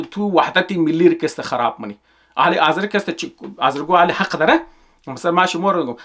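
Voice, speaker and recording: A man's voice: sits high, fairly bright tone. A man speaking Dari with a Hazaragi accent, giving an emphatic, repetitive political commentary on his channel.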